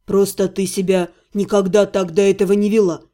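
A woman voicing a nervous, bewildered young male necromancer who speaks low and hesitantly. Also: flat delivery, brisk, dark tone, close to an everyday voice.

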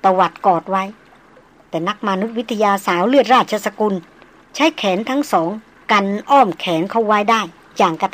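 A woman narrating a novel in a calm, even storytelling manner. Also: mid-range voice. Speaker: audiobook narrator.

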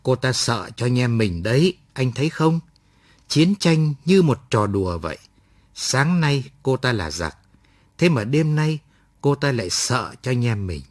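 A man doing a gruff, harsh young soldier. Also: medium pitch, sing-song, measured pace, no echo, studio quality. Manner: barking, rough-spoken.

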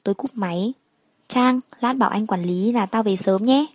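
Woman narrator, first-person story, earnest and emotional, mid-pitched, dry close sound. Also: moderate pace, darkish tone, dry recording.

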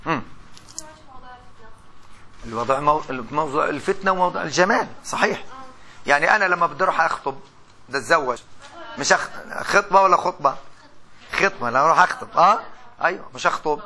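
A man's voice: a little high, animated, fast, pauses often, bright, forceful tone. A middle-aged man with a Palestinian Arabic accent giving a university lecture, chatty, putting questions to his students and answering them himself. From Gaza, Palestine.

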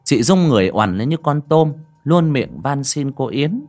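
A man's voice: mid-range voice, expressive, normal speed, darkish tone. A man narrating a horror audiobook in a dramatic storytelling manner. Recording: narration over faint music.

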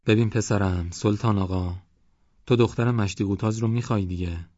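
Low-voiced man doing a patient old village cleric, coaxing, dry dull audio. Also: fairly even intonation, darkish tone, dry recording, lightly acted. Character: older male village cleric, calm and persuasive.

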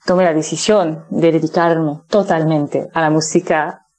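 A woman in her thirties from France with a French accent, a singer interviewed by phone, pausing often to search for words. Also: deep voice, steady tone, darkish tone. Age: 30s. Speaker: guest singer.

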